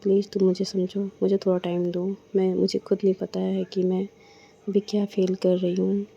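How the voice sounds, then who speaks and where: A woman's voice: mid-range voice, completely flat delivery, moderate pace, gravelly, mellow, husky. A woman voicing an irritated, defiant young woman who keeps refusing and protesting, in a story. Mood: pleading. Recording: dull lo-fi with faint noise.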